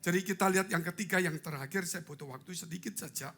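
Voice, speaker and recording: A man's voice: high-pitched, quick pace, husky. Dramatic, joking male church pastor. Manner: dramatic, leaps from loud cries to hushed asides; humorous, asks the congregation questions. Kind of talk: live church sermon. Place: church sanctuary.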